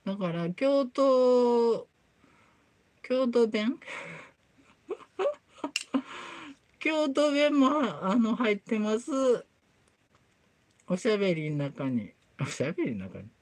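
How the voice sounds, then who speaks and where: A woman's voice: mid-range voice, very animated, slow, long pauses, darkish tone, no room sound. A woman with a Kansai accent and Kyoto dialect, chatting casually on a livestream while doing a repair and muttering to herself as she works. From Kansai, Japan. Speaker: livestream host.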